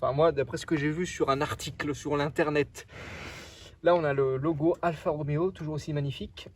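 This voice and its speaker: Joking young man, high voice. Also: fairly even intonation, a little fast, slight background noise. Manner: joking, loose and rambling with many fillers. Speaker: car vlogger. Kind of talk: casual car walkaround. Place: outdoors by a car.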